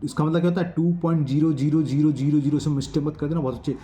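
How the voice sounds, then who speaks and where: A man's voice: fairly high pitch, steady tone, very fast, warm tone, a little hiss or hum. A man teaching a maths exercise to children, patiently counting digits aloud and checking that they follow.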